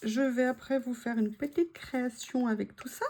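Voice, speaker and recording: A woman chatting casually to her viewers while unboxing craft supplies, gushing softly and adding small asides. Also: high-pitched, normal speed. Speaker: craft vlogger.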